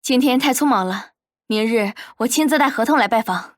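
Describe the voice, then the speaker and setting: A woman plays a courteous young investor with a slightly high voice. The sound is dry and close, with no room around it. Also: brisk, dry recording, lightly acted. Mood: gracious. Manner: courteous, gracious.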